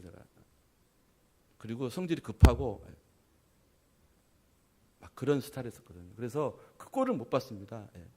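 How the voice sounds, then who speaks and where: Pastor preaching in a chatty, earnest way. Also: male voice, medium pitch. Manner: conversational storytelling with frequent "예" affirmations; swings between loud emphasis and soft, dropped phrases. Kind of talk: sermon.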